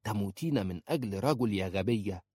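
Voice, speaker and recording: A man voicing a sharp-tongued older woman who scolds and protects a young woman, with a sarcastic, blunt manner. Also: on the low side, lively intonation, a little fast, slightly rough. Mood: scolding. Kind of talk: audiobook character voice.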